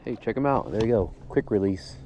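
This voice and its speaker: Man, low mellow voice, easygoing fishing chat, outdoors on a boat, faint background noise. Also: animated, brisk. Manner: laid-back, upbeat, says "boom" a lot. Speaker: fishing channel host. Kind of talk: casual fishing commentary. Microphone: action camera on the boat.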